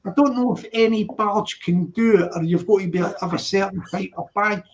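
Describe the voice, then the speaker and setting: A man's voice: sits high, a little fast, a little hiss or hum. A man in casual, chatty conversation, repeating himself and often chiming in with agreement. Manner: chatty, repetitive, full of agreeing interjections. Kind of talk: casual chat. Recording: dull lo-fi live-stream audio.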